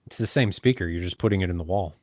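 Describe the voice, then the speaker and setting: A man's voice: low voice, quick pace, darkish tone, no echo, studio quality. A man co-hosting a casual podcast, chatty and joking, poking fun at himself. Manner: chatty, joking, self-deprecating. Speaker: podcast co-host. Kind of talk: casual chat.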